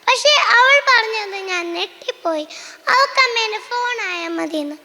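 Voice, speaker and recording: A child voicing a kind, cheerful schoolteacher who speaks gently to her pupils and their parents. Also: very high-pitched, animated, normal speed, full character voice. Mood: earnest. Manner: gentle, coaxing classroom tone. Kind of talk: school stage monoact. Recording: echoey school hall.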